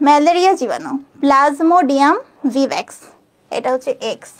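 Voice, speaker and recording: High-voiced woman drilling spellings. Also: slight background noise. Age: young adult. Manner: spells out names slowly and repeats them, often checking with "okay?". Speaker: teacher. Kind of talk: online exam-prep lesson.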